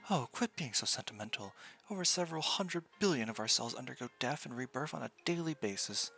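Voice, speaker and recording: A man's voice: mid-range voice, lively intonation, a little fast, creaky, bright, forceful tone, faint music behind. A man voicing a wry, curious young woman scientist in a game, with wordy, clinical musing.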